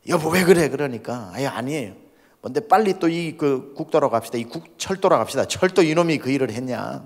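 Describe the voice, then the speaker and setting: A male pastor preaching a dawn sermon, telling a story with lively acted-out dialogue and sudden hushed passages. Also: medium pitch. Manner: animated storyteller acting out quoted voices, dropping to hushed tones. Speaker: senior pastor. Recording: long hall reverb.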